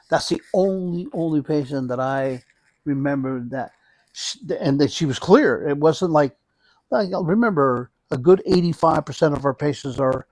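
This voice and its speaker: A man speaking as a hospice nurse in a conversational interview, reflecting haltingly and often repeating and rephrasing his phrases. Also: mid-range voice, a little mellow, no echo, poor audio.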